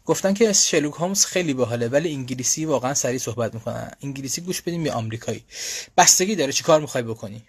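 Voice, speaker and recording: A man of middle pitch answers viewer questions in a loose, chatty live stream, often pausing on fillers and restarting his sentences. The sound is dry and close, with little room around it. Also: expressive, slightly rough, no echo. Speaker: language school host answering viewer questions. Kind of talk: casual live Q&A. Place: lives in Europe.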